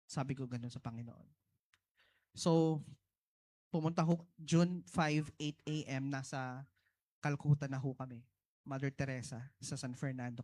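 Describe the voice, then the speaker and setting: A man with a Filipino accent, a pastor preaching a sermon testimony in short bursts and mixing two languages, often checking with the congregation with "no?" and "di ba?". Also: a little high. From Philippines. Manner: switches between Tagalog and English, asks the congregation "no?" and "di ba?"; talks in short bursts with big swings in loudness.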